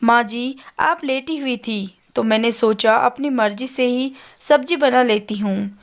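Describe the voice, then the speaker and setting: A woman's voice: fairly high pitch, unhurried. A woman voicing a polite young daughter-in-law in a storybook, respectfully asking questions. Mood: explaining. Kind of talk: storybook character voice.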